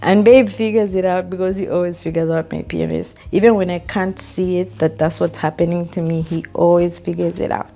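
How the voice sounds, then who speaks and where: A woman's voice: lowish voice, steady tone, fairly quick, gravelly, few pauses, dark tone, soft background music. A woman vlogger telling a story in a chatty, casual way while doing her hair, laughing often and saying "like" a lot.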